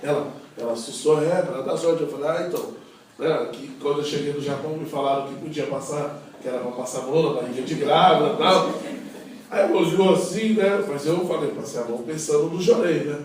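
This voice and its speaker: A man minister tells a personal story to his audience in a lively, conversational way, tossing in little tag questions. His fairly high voice is caught from a distance. It rings through a very echoey room with a faint hiss underneath. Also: brisk. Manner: animated anecdotal storytelling with frequent "né?". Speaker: minister giving a talk. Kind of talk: storytelling talk to a youth audience.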